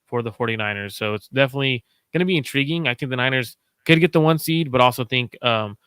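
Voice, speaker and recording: Man host, casual sports analysis, measured and repetitive, smooth mid-range voice. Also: medium pitch, a bit bright, no echo.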